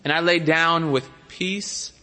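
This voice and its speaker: A man casually telling a faith story, self-deprecating and full of halting restarts. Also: on the high side, steady tone, pushed and bright, big-room sound. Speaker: testimony speaker. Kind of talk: faith testimony talk.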